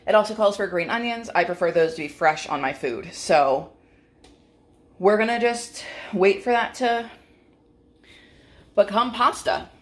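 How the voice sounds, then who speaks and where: A medium-pitched woman with lively intonation talks unhurriedly, pausing often, as she vlogs about her food. Sharing meals and recipes in a relaxed cook-with-me format, she breaks into casual asides and interrupts herself along the way.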